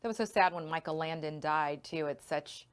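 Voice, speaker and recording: A woman hosting an interview, reacting to her guest with warm, responsive interjections. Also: low voice, moderate pace, clear, resonant tone. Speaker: podcast host, interviewer.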